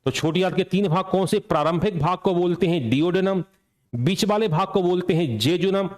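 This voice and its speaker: A man's voice: high voice, darkish tone. A man teaching an exam coaching lecture, asking questions and answering them himself and repeating the key points to drill them in. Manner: asks and answers his own questions.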